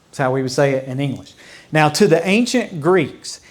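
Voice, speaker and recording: A fairly high-voiced man teaching a church Bible study as its pastor. He talks in a loose, conversational way, circling back to repeat his points and adding asides. At times he drops into babbling imitations that fade away. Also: animated, normal speed. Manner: conversational, explains with repetition and asides; mimics mocking babble with fading repeats.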